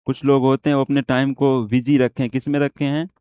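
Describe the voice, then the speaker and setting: A man's voice: medium pitch, little pitch movement, brisk, mellow, smooth, dry recording. A man teaching shorthand in an online lesson, explaining step by step and asking and answering his own questions on words. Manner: explains step by step, often asks and answers himself.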